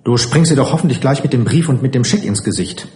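A man's voice: mid-range voice, lively intonation, quick pace, warm tone, reverberant, close to an everyday voice. Man voicing a blunt grumbling woman.

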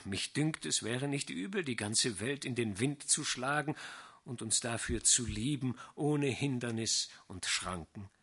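A man voicing a young village man who speaks softly and tenderly, in an audiobook reading. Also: medium pitch, animated, measured pace, breathy edge, full character voice. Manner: soft, tender, subdued. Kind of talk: audiobook character voice.

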